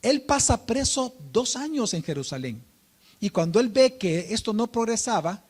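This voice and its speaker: A man preaching a sermon at church, telling a personal story and softly acting out quoted dialogue. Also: very high-pitched, big pitch swings, moderate pace. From Guatemala. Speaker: pastor.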